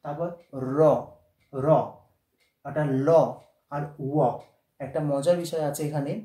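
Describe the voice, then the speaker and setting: A man teaches a lesson, patiently sounding out each letter in turn. His voice sits fairly high yet mellow. He is recorded in an echoey room, a little away from the mic. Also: recorded from a distance. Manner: patient, spells out letters one by one. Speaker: Sanskrit teacher. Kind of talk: explanatory lesson.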